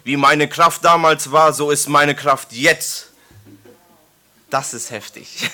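Man in his 30s, preacher, bright ringing tone, jokey sermon, asks the congregation questions. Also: a little high, fairly even intonation, takes it slowly. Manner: joking, engages the congregation with questions. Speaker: preacher leading a Bible study. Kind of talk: informal sermon with scripture reading. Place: church congregation gathering.

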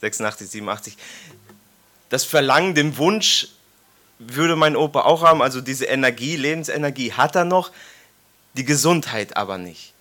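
A man in his thirties gives an informal sermon to his congregation. He reads the Bible passages aloud with weight and keeps the listeners involved with playful questions. His voice is bright and clear, at a mid-range pitch. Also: lively intonation, moderate pace. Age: 30s. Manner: joking, engages the congregation with questions. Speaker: preacher leading a Bible study. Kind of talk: informal sermon with scripture reading. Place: church congregation gathering.

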